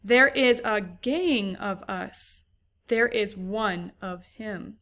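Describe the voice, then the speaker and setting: Reading a storybook aloud, a woman voices an alert young vervet monkey lookout who whispers warnings and yells alarm calls with urgency. Her voice is medium-pitched, and she draws out her words.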